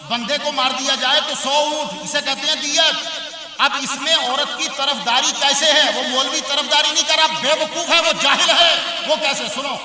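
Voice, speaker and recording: High, bright-voiced preacher in an echoing hall. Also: male voice. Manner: emphatic, asks the audience questions and answers them; rises to loud, forceful bursts. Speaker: religious scholar giving a speech. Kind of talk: Urdu religious sermon to a live audience. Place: large hall at a community event. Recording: echoey hall, voice from far off.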